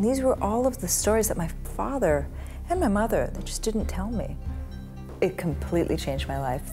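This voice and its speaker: A middle-aged woman recalling her own life in a documentary interview, recorded indoors on a close mic. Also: sits low. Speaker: lawyer interviewee. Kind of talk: documentary interview, personal recollection. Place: small indoor room with bookshelves. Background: music.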